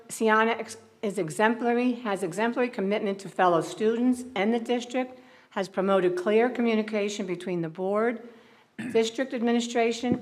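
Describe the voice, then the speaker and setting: A woman presiding over a public school board meeting, reading a formal resolution and calling for motions, with small restarts and fillers. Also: mid-range voice. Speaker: board of education presiding officer.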